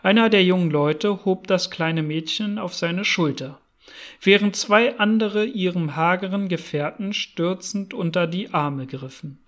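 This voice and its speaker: A man reading a novel aloud as narrator in steady, measured storytelling. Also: high-pitched. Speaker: audiobook reader. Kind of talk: scripted narration.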